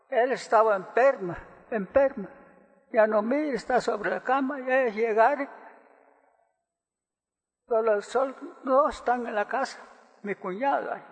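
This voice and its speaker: An older man from Guatemala giving halting, soft-spoken testimony as a witness in court. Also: very high voice, big-room sound.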